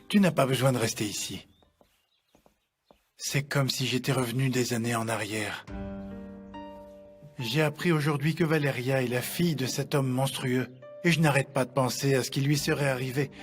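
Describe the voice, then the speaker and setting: An actor in a dubbed telenovela playing a compassionate older priest who speaks earnestly and solemnly. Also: male voice, medium pitch, normal speed, lightly acted. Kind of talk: dubbed telenovela drama acting. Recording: soft music behind.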